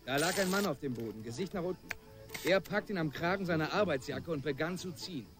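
An actor playing a firefighter who vividly retells a rescue in a radio drama. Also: male voice, a little high, expressive, fast, over music, lightly acted. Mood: recounting. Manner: vivid storytelling.

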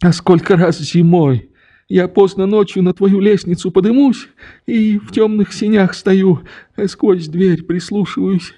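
A man's voice: high voice, steady tone, a little slow, dark tone, pitched above the performer's own voice. A man doing a pleading old father. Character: old grieving father, tender, begging forgiveness. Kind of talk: audiobook reading.

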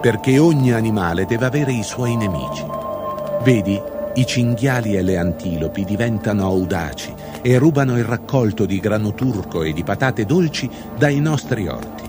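Man doing a calm, grave old grandfather. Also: on the low side, normal speed, over music, lightly acted.

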